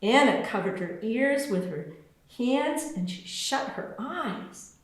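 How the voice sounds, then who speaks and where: In a strongly reverberant room, the author of a children's picture book reads it to listeners herself. Her delivery is unhurried and richly varied in pitch, with deliberate pauses between expressive phrases.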